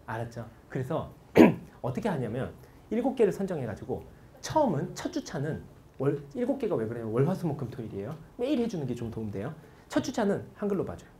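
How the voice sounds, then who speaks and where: A man in his forties lectures students on how to study, his pitch leaping around as he tells stories and quizzes the room. His tone is mellow and soft-edged. A faint ambient hum sits under his voice. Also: fairly quick. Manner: animated storytelling, quotes people, asks the audience questions. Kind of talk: lively motivational lecture to students.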